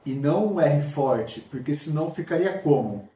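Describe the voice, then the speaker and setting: Brazilian male literacy teacher, slightly high voice, drawn-out syllables, recorded off-mic. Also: lively intonation, mellow, recorded from a distance. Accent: Brazilian Portuguese. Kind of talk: slow spoken lesson, sounding out syllables. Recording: echoey room, voice off-mic.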